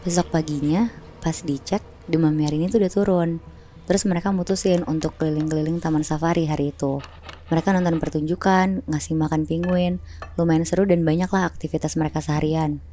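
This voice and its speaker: A woman's voice: low-pitched, fairly even intonation, fairly quick, dark tone, slight background noise. A woman casually telling a horror story on a podcast, chatty and slangy, acting out sounds.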